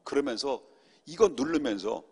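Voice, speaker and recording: A middle-aged male pastor preaching at a Friday prayer meeting, telling a personal story in an animated way. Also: medium pitch, normal speed, vocal fry, slightly rough. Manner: animated storytelling, acts out quoted speech. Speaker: senior pastor. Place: church sanctuary. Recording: long reverb of a church hall.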